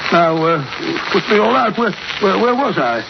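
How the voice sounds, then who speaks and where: An actor playing a genial, rambling older English doctor in a 1940s radio drama, chatty and hesitant. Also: male voice, sits high, big pitch swings, normal speed, creaky, heavily acted. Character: genial, rambling old English doctor telling his yarns. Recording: muffled, noisy 1940s radio recording.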